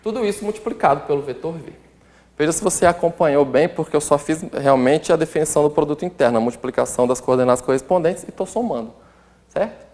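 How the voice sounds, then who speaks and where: Speaking fast in a fairly high, slightly mellow voice, a Brazilian Portuguese-accented math instructor walks through a calculus lesson step by step. He writes sums out as he works them and often checks in with the listener, with roomy echo in the recording.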